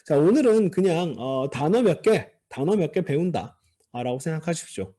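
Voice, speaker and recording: A man delivers a grammar lecture, explaining patiently and pausing on fillers as he works through each point. His voice is mellow and relaxed, sitting a little high for a man, and his pitch moves through a wide, animated range. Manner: explanatory, many fillers and restarts, pitch swinging widely. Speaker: Hebrew grammar teacher.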